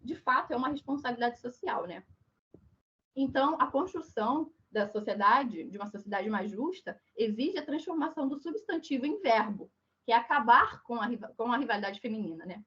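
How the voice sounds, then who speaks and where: A Brazilian woman delivers an online lecture in a fairly high voice that is hoarse and duck-like from flu. She explains in a didactic way and often checks in with listeners. The audio is dull and muffled, as on an online call. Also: animated, brisk, a bit bright. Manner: didactic, frequent check-in tags. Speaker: lecturer giving a talk. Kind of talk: online lecture on social issues.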